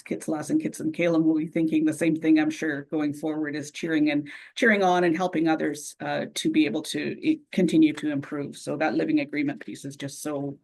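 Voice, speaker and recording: A woman moderating an online forum panel, thanking speakers in a warm, halting way with many fillers. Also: sits low, gravelly.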